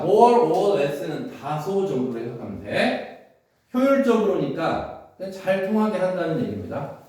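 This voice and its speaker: An English teacher with a fairly high, lively voice that swings up and down lectures a class on an English exam passage. He keeps checking understanding with quick questions and shifts between polite and casual speech. Recorded from a distance, he sounds set back from the mic in a very echoey room.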